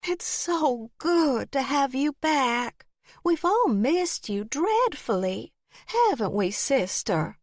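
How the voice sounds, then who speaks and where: A woman doing a warm gushing old aunt. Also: high voice, big pitch swings, slow pace, no room sound, clean studio sound, pitched above the performer's own voice, exaggerated voice. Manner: gushing, delighted. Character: gentle, warm older aunt, soft-hearted.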